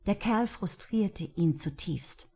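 Low-voiced woman reading a novel aloud. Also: measured pace, warm tone. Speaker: audiobook narrator. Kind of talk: scripted narration.

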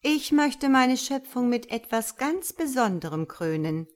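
A woman's voice: fairly high pitch, sing-song, unhurried, pitched above the performer's own voice. A woman reading a storybook aloud and voicing a stately, commanding female God. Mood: gracious.

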